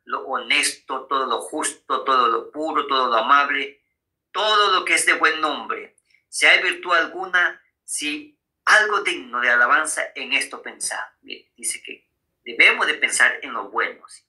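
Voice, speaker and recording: A man delivers a sermon in a strikingly bright, forceful voice at an ordinary pitch for a man. He keeps asking his listeners whether they understand and calls them his brothers. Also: lively intonation, measured pace, rough recording. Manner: frequent tag questions to listeners. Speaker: preacher. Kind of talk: sermon on marriage.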